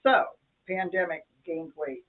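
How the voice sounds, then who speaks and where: Husky older woman, chatty and joking. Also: on the low side, measured pace. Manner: chatty, self-deprecating, joking. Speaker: co-host. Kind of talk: casual chat. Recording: tinny phone-like sound.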